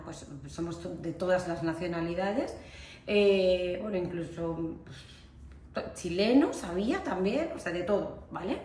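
A woman with an accent from Spain, telling a story to camera in a chatty, animated way, full of fillers and asides. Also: mid-range voice. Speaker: vlogger. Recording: echoey room with faint ambient noise.

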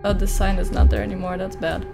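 A woman's voice: lowish voice, little pitch movement, fast, vocal fry. A young woman giving casual, nervous and playful commentary as she streams a horror game, reassuring herself and swearing. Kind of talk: casual let's-play commentary. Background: game music.

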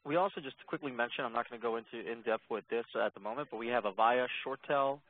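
A man walking listeners through a software demo in a webinar, speaking in a monotone with plenty of ums and uhs. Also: mid-range voice, fast talker. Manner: monotone, self-described; relaxed, many ums and uhs. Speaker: product presenter. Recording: tinny phone-line audio.

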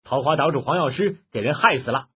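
Old martial master, touchy and proud, narrator's put-on voice; lo-fi phone sound. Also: male voice, medium pitch, expressive, quick pace, slightly rough. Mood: indignant. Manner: indignant, sharp. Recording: muffled phone-like lo-fi audio.

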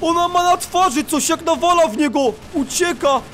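Young guy yelling through minecraft play-by-play, super high voice, fast excitable narration. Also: slight background noise. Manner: excitable, shouting and narrating the action. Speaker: YouTube host. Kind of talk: excited Minecraft gameplay commentary.

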